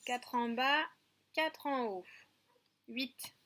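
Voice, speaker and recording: A French-accented woman teaches a lesson to small children, taking each number and syllable very slowly. Her voice is bright and fairly high. She stretches out every word so the little ones can follow. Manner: slow, clear, drawn-out counting and syllable spelling. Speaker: preschool teacher. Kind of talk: home-school lesson video for young children.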